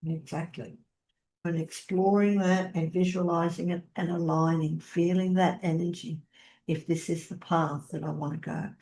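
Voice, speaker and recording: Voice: mid-range voice, flat delivery, moderate pace, a little mellow. Encouraging interview host. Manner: encouraging, affirming follow-ups. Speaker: podcast host. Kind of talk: interview hosting.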